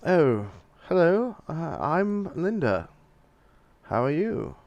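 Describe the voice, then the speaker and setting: A man voicing a polite, calm half-elf knight woman through a voice changer during a tabletop game. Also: a little high, takes it slowly, vocal fry, no room sound, muffled recording, pitched above the performer's own voice, exaggerated voice. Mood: polite greeting. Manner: soft-spoken, courteous, hesitant with fillers.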